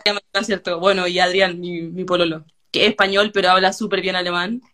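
A young Chilean woman chatting in an interview, telling stories in an animated way and acting out quotes. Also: fairly low pitch, fairly quick. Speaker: guest, hairdresser. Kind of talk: casual interview chat.

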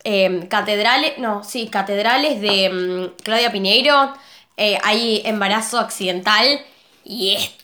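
A woman's voice: medium pitch, unhurried, sharp tone, echoey room, a little hiss or hum. A young woman with a Rioplatense Spanish accent, chatting casually about books in a blunt, sarcastic way.

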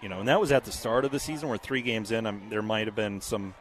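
A play-by-play announcer with a scratchy voice calls a high school football game, steady and measured, dropping in casual fillers.

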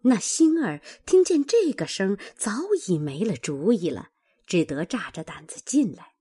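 A woman narrating a classical novel with expressive, dramatic storytelling. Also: medium pitch, a little slow, husky.

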